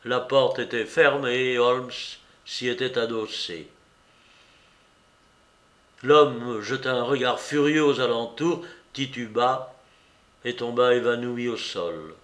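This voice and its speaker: Slow, deliberate male audiobook narrator. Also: mid-range voice, a bit bright, reverberant. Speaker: audiobook reader. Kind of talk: scripted narration.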